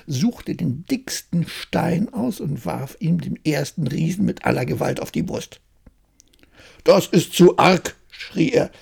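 Slow calm bedtime fairy tale reading, dark husky voice. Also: medium pitch. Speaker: storyteller.

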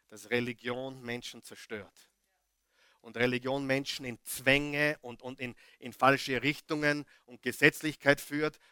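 A man preaching a sermon with earnest emphasis, swinging from loud outbursts to quiet asides and often stumbling over his words. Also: medium pitch, clear, resonant tone, no echo, studio quality. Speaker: guest preacher.

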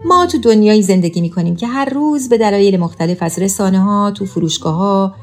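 A woman's voice: mid-range voice, darkish tone. A woman narrating a music lesson in a patient, explaining way, chanting rhythm patterns aloud. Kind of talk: scripted educational narration.

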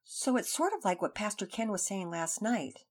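A woman's voice: mid-range voice, big pitch swings, normal speed. A woman reading a kindly storybook father. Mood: gentle explaining. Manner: kindly, explaining patiently. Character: cheerful gentle father of young children.

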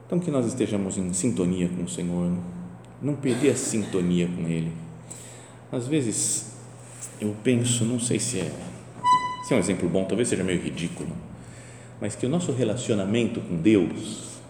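Male preacher, lively storyteller, warm low tone, roomy hall echo, faint background ambience. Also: a little hiss or hum. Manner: animated storytelling, acts out quoted voices. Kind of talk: spoken meditation.

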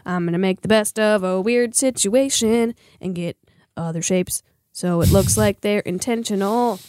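A playful, excitable young woman in her twenties chats on a podcast and swears freely. Her voice sits at an ordinary pitch for a woman. It is recorded dry and close. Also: normal speed, dry recording. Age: 20s. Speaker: podcast cast member. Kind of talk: casual chat.

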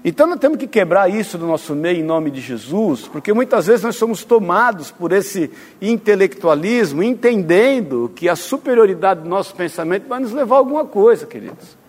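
Pastor guy preaching, pretty high voice, long echo from a big church hall. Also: big pitch swings, a little fast, hardly any pauses, husky. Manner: earnest, addresses congregation directly, stumbles on words. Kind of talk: sermon.

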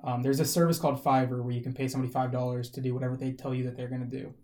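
A man's voice: medium pitch, flat delivery, racing, mellow. A man co-hosting a podcast, talking casually and rambling with many fillers and restarts. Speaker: podcast co-host. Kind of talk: casual chat.

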